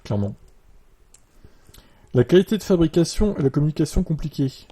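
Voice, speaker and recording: A casual man with a very dark, slightly husky voice, reading out article lines and answering them with loose, filler-heavy chat. His USB desk mic gives a muffled, bass-heavy sound. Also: brisk. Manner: relaxed, many fillers, reads article lines then reacts. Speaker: YouTuber commenting on electric cars. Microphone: USB desktop mic.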